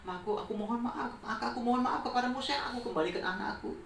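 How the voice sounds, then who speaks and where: A man voicing an indignant middle-aged father, shouting and then pleading, recorded in a roomy space from a distant mic. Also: extremely high pitch, rapid-fire, slight background noise, pitched above the performer's own voice. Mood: remorseful.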